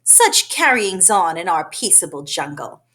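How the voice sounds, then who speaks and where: A woman's voice: on the low side, sing-song, measured pace, a bit bright, pitched below the performer's own voice. A woman voicing a bossy, scornful female kangaroo in a children's storybook, with a snappish, scolding manner. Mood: scornful, threatening. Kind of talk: children's storybook read-aloud.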